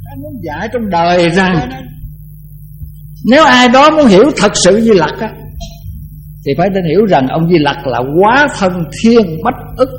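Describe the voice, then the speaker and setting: An older man, a Buddhist monk, giving a conversational dharma talk that often repeats words and slows down to chant verses. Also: high voice, animated, soft background music, poor audio.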